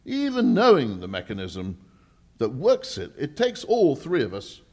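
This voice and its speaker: Man doing a proud english lord in an old radio play, slow and formal, voice goes way up and down. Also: medium pitch, wildly swooping pitch, a little mellow, heavily acted. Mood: proudly emphatic. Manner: emphatic, deliberate, formal, slightly halting. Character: exasperated, proud English lord guarding a bank vault. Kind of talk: 1940s radio drama acting, performed live.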